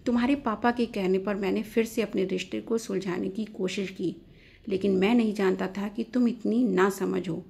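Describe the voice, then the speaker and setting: A woman's voice: medium pitch, steady tone, moderate pace, creaky, a little mellow, close to an everyday voice. Young husband, voiced by a woman narrator; earnest, hurt, curt.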